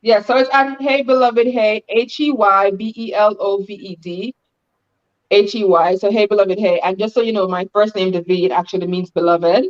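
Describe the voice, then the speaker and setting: A woman's voice: medium pitch, steady tone, normal speed. A woman from Jamaica, a guest author chatting casually in an interview, upbeat and careful to spell things out. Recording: dull, lo-fi video call audio.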